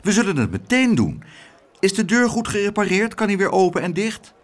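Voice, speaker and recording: Eager young boy from a storybook, raised bright voice; played by the male reader. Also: high-pitched, sing-song, fairly quick, voice pushed up. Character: earnest young boy, eager then glum.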